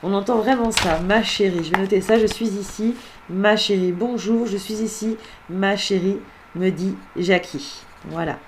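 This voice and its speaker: A woman's voice: medium pitch, moderate pace, slight background noise. A woman working as a medium, chatting casually as she replays recordings, repeats the words she hears aloud and speaks directly to the departed. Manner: musing, repeats heard words aloud and addresses the spirit directly. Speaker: medium doing spirit-contact sessions. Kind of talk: casual commentary during a recording session.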